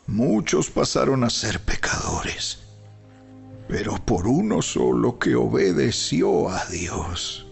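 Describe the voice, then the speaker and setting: A man narrates scripture in a solemn, emphatic style, taking his time and leaving weighty pauses. His voice is husky with a gravelly grain, and soft music plays behind him. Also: mid-range voice. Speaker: Bible narrator. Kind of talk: dramatized scripted Bible narration. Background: background music.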